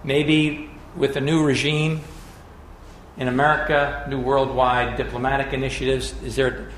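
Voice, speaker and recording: A man giving a public lecture with slides, in a measured, emphatic way with frequent restarts and fillers. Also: medium pitch, flat delivery, a bit bright, roomy sound, slight background noise.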